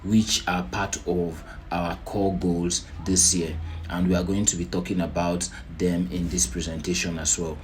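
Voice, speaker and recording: A man with a low voice presents plans to volunteers as their organisation's leader. He speaks slowly and without hurry, explaining each point deliberately. Some background noise sits behind his voice. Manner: slow, unhurried, deliberate explaining; checks in with "right?".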